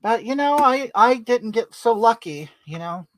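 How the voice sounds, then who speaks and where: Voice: mid-range voice, lively intonation, measured pace, dry recording, close to an everyday voice, poor audio. A performer playing a brash older woman who chats through a makeup livestream and greets viewers by name. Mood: chatty. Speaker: livestream host. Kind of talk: comedic livestream character.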